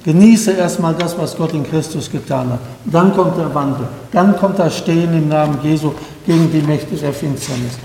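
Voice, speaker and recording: High-voiced preacher in an echoey hall. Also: male voice, moderate pace, creaky, few pauses, a little mellow, a little hiss or hum. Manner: earnest, pleading, asks the congregation direct questions. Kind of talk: sermon.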